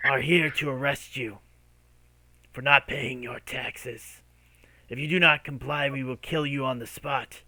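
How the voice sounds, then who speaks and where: A man's voice: mid-range voice, fairly even intonation, unhurried, creaky, pushed and bright, dry recording, exaggerated voice. A man voicing a blank, menacing skeleton tax enforcer in a tabletop game, with an unearthly voice and formal pronouncements. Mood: stern, threatening.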